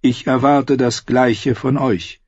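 A man's voice: medium pitch, fairly even intonation, slightly rough, dry recording, highs cut off, pitched above the performer's own voice. A man voicing a tired old knight who speaks politely and with resignation. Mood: resigned. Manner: polite, measured.

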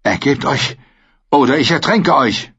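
A huge, fierce young woman knight bellows her orders in a high, strained voice, as a male reader puts her on. The sound is dull and lo-fi, with a husky edge. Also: expressive, a little slow, exaggerated voice. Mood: commanding. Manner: shouting harsh commands. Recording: dull lo-fi recording.

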